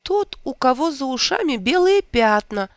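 A reader voicing a clever, polite talking rabbit in a storybook tale, lifted higher than the narration. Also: big pitch swings, moderate pace, dry recording. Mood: eager.

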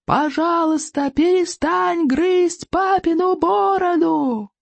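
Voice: mid-range voice, measured pace, warm tone, no room sound, close to an everyday voice. A narrator voicing an anxious young Viking boy who grumbles through his teeth, in an audiobook reading. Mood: yelling. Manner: grumbling, strained.

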